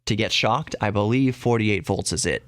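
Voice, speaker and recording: A man hosts a solo podcast of casual tech and geek news, rambling along, often interrupting himself and repeating words for emphasis. His voice is on the low side and fairly bright, at a normal speed, captured in a dry, clean studio recording.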